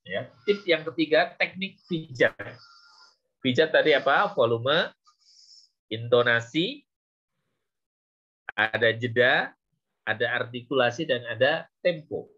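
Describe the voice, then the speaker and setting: A man lecturing on public speaking, with many short fillers and a measured, explaining manner. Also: mid-range voice, animated. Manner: slow, with frequent "ya" and "gitu ya" fillers. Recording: dull lo-fi recording.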